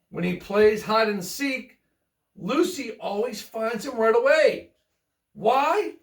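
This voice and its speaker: A man with a high-pitched, slightly bright voice reads a picture book at bedtime, folksy and playful, circling back to repeat himself and tossing in chatty remarks. The distant microphone gives a roomy, echoey sound.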